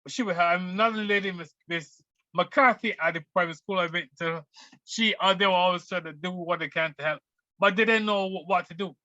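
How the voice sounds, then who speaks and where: Halting high-voiced man from Barbados. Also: sharp tone, no room sound. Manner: hesitant, halting with many restarts. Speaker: guest. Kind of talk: interview. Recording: dull lo-fi sound.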